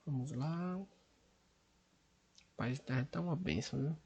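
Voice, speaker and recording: A man with a Brazilian Portuguese accent thinking aloud at a computer as he works through language-app exercises, muttering to himself and repeating drill sentences loudly. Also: a little high, measured pace, vocal fry, husky. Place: at a desktop computer.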